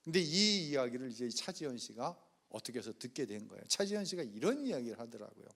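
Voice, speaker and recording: A man preaching a sermon as pastor, telling a story and acting out the people's quoted lines with changing loudness. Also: mid-range voice, big pitch swings, quick pace, vocal fry. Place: church sanctuary.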